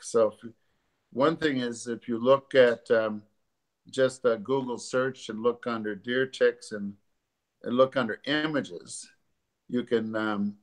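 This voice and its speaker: Sounding slightly stuffy from allergies, a doctor speaks at medium pitch while live streaming from the sofa in his living room. The talk is casual and educational but halting, with plenty of ums and uhs. The audio comes from a webcam or laptop camera about desk distance away.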